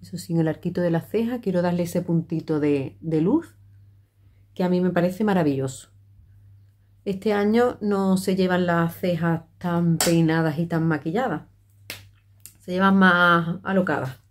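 A woman's voice: lowish voice, normal speed. A middle-aged woman, chatting her way through a makeup tutorial with many fillers and restarts. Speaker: makeup vlogger.

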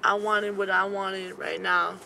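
A woman's voice: medium pitch, flat delivery, a little slow, vocal fry, bright, forceful tone. A young woman giving a candid, blunt, streetwise interview, swearing freely, in the back of a car. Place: back seat of a parked car. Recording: noisy car interior recording.

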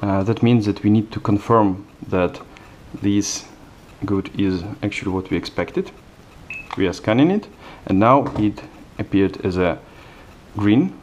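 Man, low voice, hesitant fillers, step-by-step demo narration. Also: lively intonation, unhurried, darkish tone, lo-fi sound, a little hiss or hum. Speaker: software demonstrator. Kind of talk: screencast product demo narration.

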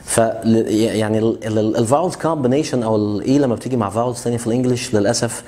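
A man with an Egyptian Arabic accent giving a casual pronunciation lesson, repeating example words slowly and checking in with the learner. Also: medium pitch, steady tone, dark tone. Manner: chatty, asks learners questions. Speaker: English teacher.

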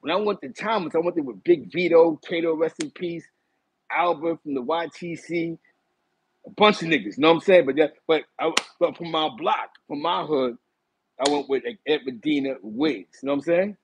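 The host, a middle-aged East Harlem native with a New York accent, speaks a little high at a moderate pace while casually telling stories to a live chat. Animated and gesturing often as he reminisces, he's in a small, bright indoor room. There's slight background noise and the audio is poor.

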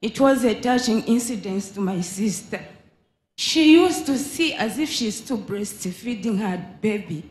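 A woman's voice: medium pitch, expressive, a little slow, a little mellow. Pleading woman in an echoing hall. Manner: pleading, descriptive. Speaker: congregant. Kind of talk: testimony and plea for prayer. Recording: echoey church hall.

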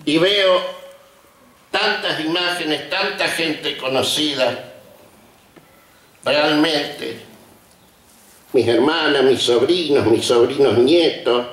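A sixty-five-year-old Argentine retired teacher, being honored, gives an emotional, trembling acceptance speech in an outdoor colonial courtyard before a seated audience, pausing deliberately as he reminisces. His voice is a little high and a bit bright, picked up by podium microphones on stands with roomy, distant public-address sound.

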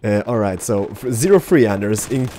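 A man with a Swedish accent hosting a casual gameplay session, excitable and joking, with quick reactions. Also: lowish voice, slight background noise. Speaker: gaming channel host.

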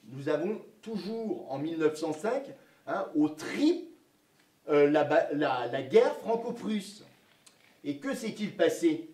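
A man's voice: on the high side, a little mellow. A man giving a public history lecture, hesitant, with many filler words and restarts. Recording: echoey room, mic from far off.

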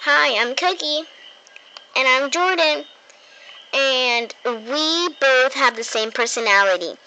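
A woman's voice: high-pitched, slow pace, bright, forceful tone, muffled recording, full character voice. A girl doing a sing-song doll host. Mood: cheerful. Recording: noisy phone recording.

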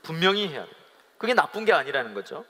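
High, bright-voiced man preaching in a hall. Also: sing-song, fast, breathy edge. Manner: humorous, acts out quoted couple dialogue; leads congregation in call-and-response. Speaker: pastor. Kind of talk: sermon. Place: church worship hall. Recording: live in a reverberant worship hall.

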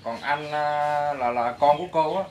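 A man's voice: on the high side, fairly even intonation, normal speed, over a noisy crowd. A man, asking polite, hesitant interview questions. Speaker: interviewer, host.

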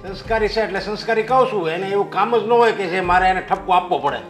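A man's voice: high-pitched, quick pace, faint music behind, close to an everyday voice. An older man with a Gujarati accent playing a stern, curt father-in-law. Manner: curt, reproving. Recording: echoey room recording.

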